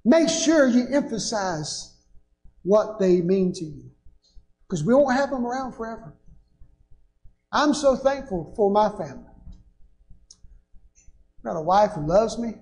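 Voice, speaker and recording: A man's voice: high voice, animated, measured pace, pauses often, a little mellow. An older man, preaching a sermon from a church pulpit with rising, emphatic bursts. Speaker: pastor. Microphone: pulpit microphone. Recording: echoey church sanctuary.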